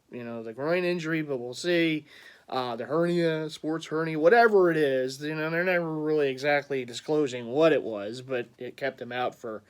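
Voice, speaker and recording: A man, rambling through a casual sports vlog full of stammered restarts and chuckles. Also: mid-range voice. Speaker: sports fan vlogger.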